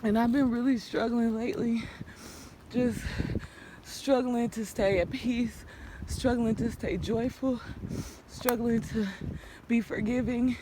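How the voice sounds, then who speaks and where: A woman's voice: on the high side, fairly even intonation, slow, long pauses. Woman talking earnestly to her phone outside, encouraging, bit of background noise. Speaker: vlogger. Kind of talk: casual heartfelt vlog chat. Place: outdoors. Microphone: handheld phone. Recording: noisy outdoor phone recording.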